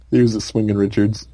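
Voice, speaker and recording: Brief: young male podcast co-host, low mellow voice, loose rambling delivery full of "like" and "um". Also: no echo. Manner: rambling, filler-heavy, laughs often. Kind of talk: casual chat.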